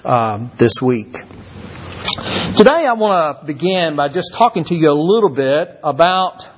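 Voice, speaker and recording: An older man from Kentucky, a visiting preacher who talks haltingly and repeats words, with many fillers. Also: fairly high pitch, very animated, muffled recording, slight background noise. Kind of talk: sermon.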